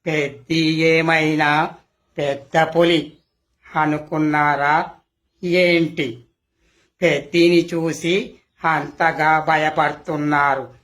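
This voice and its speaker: Telugu film villain, played by a man: very slow, slightly high-pitched, taunting, boastful, theatrical menace. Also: a bit bright. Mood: mocking, contemptuous. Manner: slow, taunting, theatrical delivery with drawn-out phrases.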